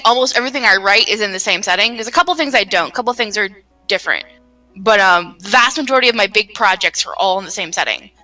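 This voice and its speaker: A game developer, writer and voice actor chats casually about her creative projects, rambling and circling back on what she's said. Her mid-range voice sounds pushed and bright. The recording is rough and picked up from a distance.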